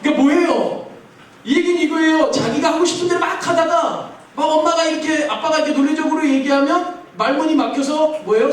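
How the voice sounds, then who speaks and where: A man's voice: very high voice, recorded from a distance. Youth pastor guy preaching to teens, playful q&a, super echoey big hall, a bit of room noise. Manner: playful, asks the kids questions and answers himself. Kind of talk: sermon to teenagers. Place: large church hall.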